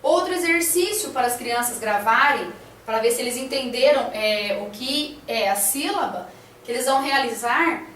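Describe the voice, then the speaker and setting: A woman's voice: on the high side, expressive, moderate pace, fairly bright tone, echoey room, recorded from a distance, a little hiss or hum. A woman teacher talking through a classroom lesson plan, hesitant, with many fillers and tag questions.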